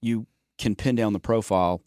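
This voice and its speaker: A man's voice: fairly low pitch, steady tone, normal speed, darkish tone, no room sound, studio quality. A man co-hosting a podcast about sales, talking in a folksy, joking way that often trails off and restarts words. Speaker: podcast co-host and sales trainer. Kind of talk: casual conversational chat.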